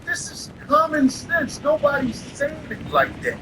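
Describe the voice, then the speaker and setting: A man's voice: very high-pitched, sing-song, measured pace, noisy background. A man ranting casually, blunt and opinionated, arguing his point.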